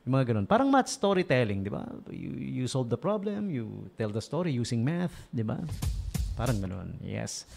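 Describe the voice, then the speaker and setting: A man's voice: medium pitch, very animated, normal speed, gravelly, a little mellow, soft background music. A man with a Filipino accent hosting a casual radio show, joking and chuckling at his own puns. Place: radio studio.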